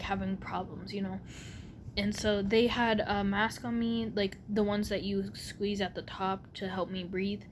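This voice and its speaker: A young adult woman telling a personal story casually to camera, rambling and halting, her words slightly muffled by a sore, barely opened mouth. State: sore mouth after wisdom tooth removal. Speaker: vlogger. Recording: clear background noise with low rumble.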